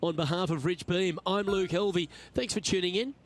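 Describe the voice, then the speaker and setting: Smooth male golf play-by-play commentator. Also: high-pitched, normal speed, a little hiss or hum. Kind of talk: scripted video game sports commentary. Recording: commentary over game music.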